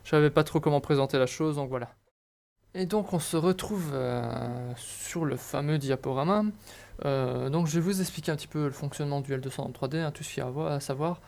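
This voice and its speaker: A man's voice: on the high side, fairly quick, vocal fry, darkish tone. A young man narrates a hobby electronics tutorial over slides. He talks casually, stumbling over fillers and restarts and joking at his own expense. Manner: hesitant, many fillers and restarts, self-mocking asides.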